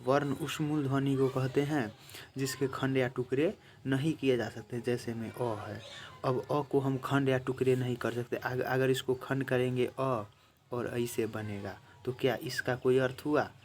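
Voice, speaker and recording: A man's voice: mid-range voice, steady tone. Man teaching a grammar lesson. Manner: repeats definitions slowly, addresses viewers as friends. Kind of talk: exam-prep grammar lesson. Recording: faint background noise.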